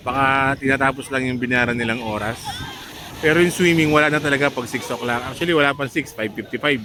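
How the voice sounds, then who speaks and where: A man's voice: mid-range voice, fast talker. A man vlogging casually on a beach at sunset, chatting to the camera and cooing at a baby. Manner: chatty, coos and teases a baby in a lifted voice. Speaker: travel vlogger. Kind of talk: casual vlog narration. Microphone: handheld camera. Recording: outdoor noise from waves and wind. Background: sea and surf noise.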